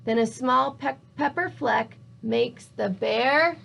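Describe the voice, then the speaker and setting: A woman reading a picture book aloud with a rhythmic, drawn-out delivery. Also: fairly high pitch, gravelly, fairly bright tone. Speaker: storybook reader.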